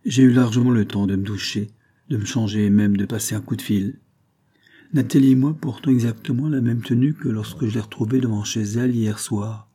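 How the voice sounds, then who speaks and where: Man narrating a novel, low, dark, husky voice, measured first-person read. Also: fairly even intonation. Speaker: audiobook narrator.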